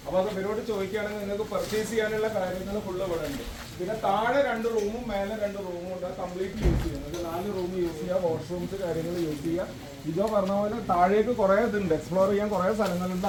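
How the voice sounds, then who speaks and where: Fast high-voiced Malayali man briefing in Malayalam-English mix. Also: a little mellow, slight background noise, poor audio. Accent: Malayalam, Kerala. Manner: Malayalam mixed heavily with English words. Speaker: event organiser. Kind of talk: informal welcome and briefing to a group.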